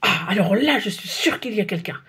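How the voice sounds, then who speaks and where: A woman voicing a jumpy, blustering father in a storybook reading, loud and flustered. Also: mid-range voice, expressive, brisk, breathy edge.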